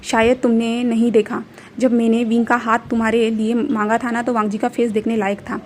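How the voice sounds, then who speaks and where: A woman's voice: fairly high pitch, flat delivery, brisk, darkish tone, a little hiss or hum, close to an everyday voice. A woman reading the part of a scheming, domineering father who scolds his son, in a fan story. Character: scheming domineering older father, a clan leader.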